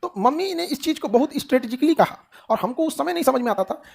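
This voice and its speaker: A man's voice: very high voice, animated, fast talker, vocal fry. A man from Bihar with a Bihari accent, lecturing a class of students, asking them rhetorical questions, answering them himself and joking. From Bihar, India. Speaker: teacher.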